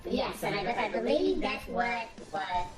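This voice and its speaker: A man's voice: very high voice, big pitch swings, measured pace, echoey room, far from the mic, over loud music, voice pushed up, full character voice. A man voicing an absent woman co-host's summoned spirit through a clangy robot voice filter, teasing and playful in a casual podcast chat.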